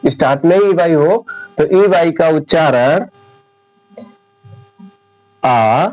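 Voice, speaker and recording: A man gives a classroom lecture at a slow, patient pace. His voice sits a little high, and he goes over each point more than once so it sinks in. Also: lively intonation, a little mellow, rough recording. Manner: slow, deliberate, repeating points. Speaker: English teacher.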